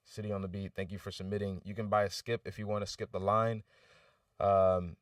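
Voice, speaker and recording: A man's voice: fairly low pitch, level tone, a little fast, dry recording, studio quality, recorded from a distance. A man giving candid, loose and rambling feedback on submitted songs during a casual livestream. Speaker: livestream music reviewer.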